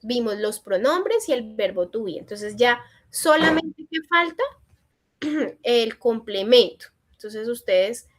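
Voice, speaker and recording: High-voiced woman teaching an online class. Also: expressive, slow pace. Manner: encouraging corrections in a patient teacherly tone. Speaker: English teacher. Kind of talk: online class, reading out student answers. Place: online session.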